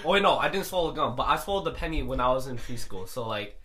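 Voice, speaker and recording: A man's voice: medium pitch, expressive, quick pace, a loud crowd. A young man guesting on a casual podcast, easygoing and chatty.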